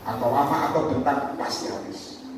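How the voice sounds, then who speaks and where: A male evangelist preaches animatedly at a moderate pace in a large hall before an audience, swinging from loud exhortations to quiet asides and joking with the congregation. He is recorded from far off with echoey hall sound and slight background noise.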